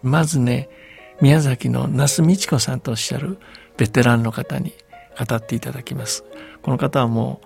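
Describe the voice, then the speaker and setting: An older man, a folktale researcher, chatting on the radio in a relaxed, explanatory way with soft trailing endings. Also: mid-range voice, moderate pace, creaky, soft background music.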